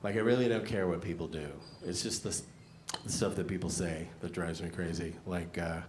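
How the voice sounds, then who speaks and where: A man's voice: sits low, fairly even intonation, fairly quick. A man doing conversational, wry observational stand-up comedy in a club, with audience laughter. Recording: echoey club room, clear background noise. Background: crowd laughter.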